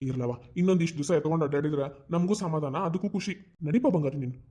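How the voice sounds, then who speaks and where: An actor voicing a gentle, indulgent grandfather in a cartoon, with a North Karnataka Kannada accent, soothing and calming. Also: on the high side, fast talker, lightly acted. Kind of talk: cartoon voice acting.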